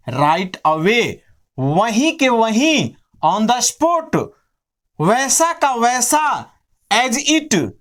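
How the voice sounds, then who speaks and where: A woman teaching an online language lesson. She patiently repeats each phrase and asks and answers her own questions. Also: a little high. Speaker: English teacher.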